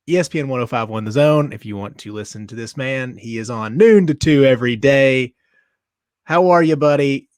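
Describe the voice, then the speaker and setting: A man's voice: mid-range voice, darkish tone, no room sound, clean studio sound. A man hosting a sports podcast, upbeat and teasing, chatting with his guest. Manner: upbeat, teasing, laughs along. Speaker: podcast host. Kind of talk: casual chat.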